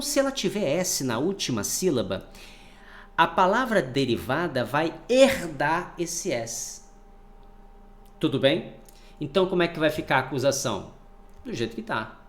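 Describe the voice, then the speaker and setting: A man teaching a spelling lesson for exam prep, asking questions and then answering them himself. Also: fairly high pitch. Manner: lively, asks and answers his own questions.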